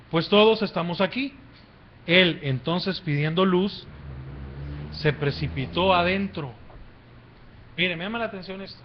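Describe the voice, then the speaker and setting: A male pastor preaching a sermon in church. His voice swings between hushed, low phrases and loud, rising exclamations. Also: a little hiss or hum. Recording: dull lo-fi church recording.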